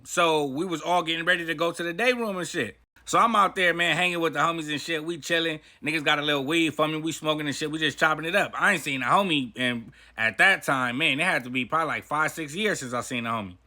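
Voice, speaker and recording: Bright-voiced man telling a story. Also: a little high. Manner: casual, profane street slang. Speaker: vlogger. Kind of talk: storytime monologue.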